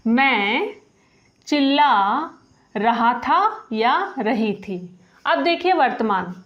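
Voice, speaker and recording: A woman teaching a spoken grammar lesson, patiently repeating each example and slowing down on the example phrases. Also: high-pitched, a bit bright, lo-fi sound. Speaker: language teacher.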